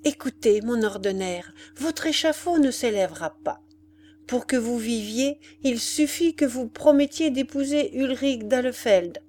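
An impassioned young woman begs her beloved, her voice pitched high and full of tearful urgency, as a woman narrator puts her on. There is a faint hum behind her. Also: expressive, measured pace, a little mellow. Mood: urgent. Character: desperate young woman pleading for her love.

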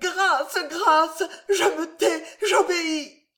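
A woman's voice: fairly even intonation, extremely slow, pushed and bright, exaggerated voice. A reader doing a frantic pleading mother. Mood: screaming despair. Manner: high, shrill pleading cries.

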